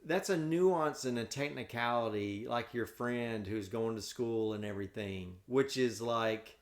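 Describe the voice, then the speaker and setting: Slow, halting man in a debate. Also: medium pitch. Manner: halting, many restarts and fillers. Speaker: podcast co-host. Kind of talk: casual debate.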